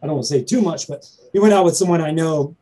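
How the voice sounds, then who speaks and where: Man, Southern accent, talk-show host, high energy, joking, somewhat high voice, mellow. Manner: high-energy, joking, rapid hype intros. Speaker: host and stand-up comedian.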